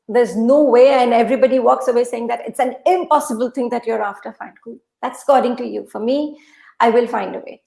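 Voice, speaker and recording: A female mindset coach and native Urdu speaker, appearing as a podcast guest, gives conversational motivational advice in a slightly high voice with vocal fry and a dark tone. She is emphatic and instructive, repeating phrases, and the room she's recorded in is echoey.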